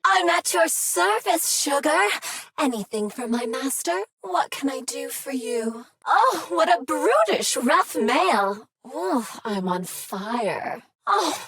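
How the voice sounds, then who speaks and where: An actress voices a flirtatious female machine, a sultry vending unit, in a video game, purring and teasing her lines. Her high-pitched, fairly bright voice is sing-song, slow, and exaggerated, recorded with no echo.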